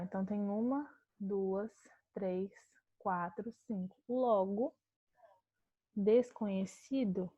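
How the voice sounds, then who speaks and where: Brazilian woman teacher, mellow voice, dry muffled recording, patient step-by-step explaining. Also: medium pitch, dry recording. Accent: Brazilian Portuguese. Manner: calm, explains step by step, slows to spell out words. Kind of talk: online grammar lesson.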